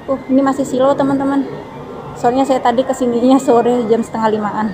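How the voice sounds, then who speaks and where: A woman's voice: high-pitched, level tone, a little fast, poor audio. A woman with an Indonesian accent giving a casual walking tour vlog outdoors by a seaside mall, chatting to her viewers as friends. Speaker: vlogger. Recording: loud background music.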